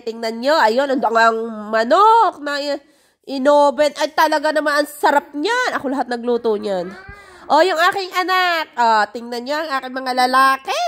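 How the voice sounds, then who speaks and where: A woman's voice: high-pitched, a bit bright. A middle-aged woman from the Philippines, chatting through a casual vlog voice-over of a family picnic, full of exclamations. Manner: chatty, exclamatory, lots of "ay" and "o, tingnan nyo". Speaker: vlogger narrating family picnic video.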